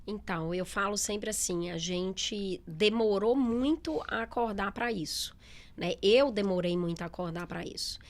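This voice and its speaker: A middle-aged businesswoman in a relaxed interview, talking candidly with many fillers and quoted asides. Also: medium pitch, normal speed. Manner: chatty, candid, lots of fillers and quoted speech. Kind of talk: casual interview talk.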